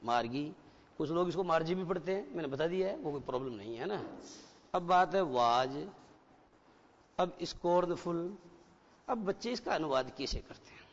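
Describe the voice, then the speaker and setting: A man's voice: on the high side, lively intonation, fast talker. A male English teacher with an Indian accent giving a classroom lecture, explaining step by step and often quizzing the students. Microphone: satellite broadcast studio. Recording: dull, lo-fi broadcast with long hall reverb.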